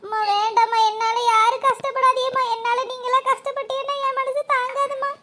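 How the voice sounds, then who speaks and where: Tearful cartoon young mother, shrill and bright, quick pleading speech, voiced by a woman. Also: little pitch movement. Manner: pleading, self-blaming.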